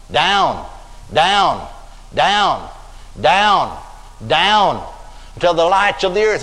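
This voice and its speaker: The sermon comes from an older man with a Texan accent and a high, fairly bright voice. Dramatic stories and elongated emphatic words fill the space, carried by a church hall's long reverb.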